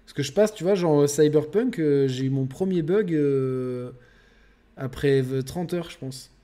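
Brief: male podcast host, rambling gamer chat, full of fillers, higher voice. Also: measured pace. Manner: rambling, lots of fillers, gets excited and laughs. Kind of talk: casual gaming podcast chat.

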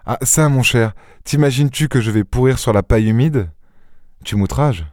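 A man voicing a suave, teasing gentleman-thief. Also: medium pitch, normal speed, dry recording, clean studio sound, natural voice. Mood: airy. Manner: playful, ironic, airy. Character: suave witty male gentleman-thief, mocking and self-assured.

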